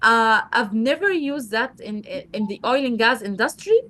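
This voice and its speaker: A woman's voice: on the high side, animated, normal speed, pushed and bright. A woman presenting a geology webinar, answering questions live in a hesitant way with many fillers.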